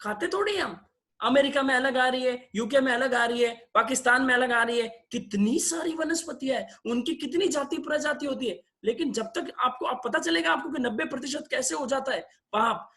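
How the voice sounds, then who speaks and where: A man with a fairly high voice leads an online lesson over a video call. He quizzes his students one by one and coaxes answers out of them in a brisk way. He mixes in English phrases now and then. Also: bright, forceful tone. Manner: quizzes participants, brisk and coaxing. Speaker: online class teacher. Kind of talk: interactive online religious lesson.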